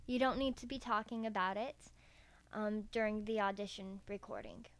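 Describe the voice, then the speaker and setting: A woman presents a scripted voice acting tutorial, narrating carefully step by step in a mid-range voice at a moderate pace. She uses a USB karaoke microphone, and there's no echo.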